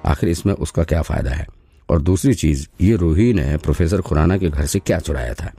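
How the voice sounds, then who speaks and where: A gruff, sharp-tongued detective voiced by a man in an audio drama. The voice sits very deep and mellow, and he talks in a blunt, brisk way. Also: dry recording, faint music behind, heavily acted. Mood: intent.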